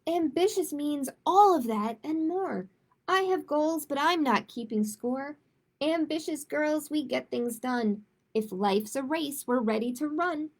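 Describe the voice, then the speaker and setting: Her voice is high and unhurried as she hosts a kids' storytime, reading from a picture book and chatting in a relaxed way. She's expressive and puts plenty of emphasis into her words.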